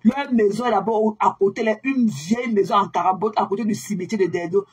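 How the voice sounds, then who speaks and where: A woman's voice: medium pitch, a little fast, darkish tone, slightly rough. A woman, ranting scornfully at a rival and repeating her insults. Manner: mocking, scornful, repeats herself; drawls words out to sneer. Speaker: online commentator. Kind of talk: insulting rant addressed to a rival.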